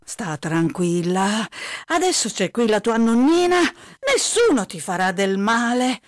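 A woman's voice: medium pitch, expressive, unhurried, fairly bright tone, dry recording, clean studio sound. A woman voicing a fussy, doting old grandmother in a comic radio play, scolding and coddling. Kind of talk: comic radio-drama acting.

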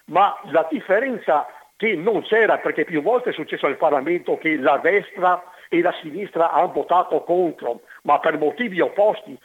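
Husky older man on a tinny phone line. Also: fairly high pitch. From Venice area, Italy. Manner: hesitant, halting with many fillers. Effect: over a landline phone. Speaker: radio call-in caller. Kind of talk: phone-in talk radio.

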